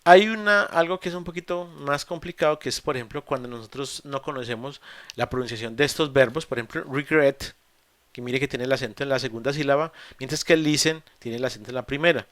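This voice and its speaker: A male teacher explains grammar rules to students in a virtual class, working through each case patiently and stopping often to rephrase. His voice sits at an ordinary middle pitch and is recorded dry and close on a computer mic, with almost no room sound. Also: fairly quick, a bit bright, dry recording. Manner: patient, explains step by step with many fillers and restarts. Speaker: English teacher. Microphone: computer mic in a video call.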